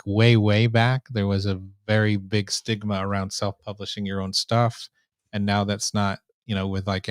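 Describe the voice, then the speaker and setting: Male chat host, somewhat low and nasal, informal delivery, close dry mic. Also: no echo. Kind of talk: casual live chat. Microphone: microphone right up close.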